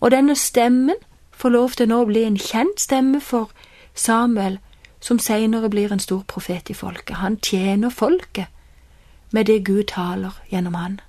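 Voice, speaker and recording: A woman giving a calm Bible teaching and explaining scripture passages. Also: fairly high pitch, dry recording.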